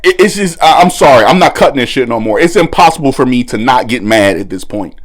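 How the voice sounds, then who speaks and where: A man hosting a commentary channel, ranting angrily with heavy swearing and bursts of shouting. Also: mid-range voice, animated, fast. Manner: furious, swearing, voice breaking into shouts. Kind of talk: angry commentary rant. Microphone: no usual setup.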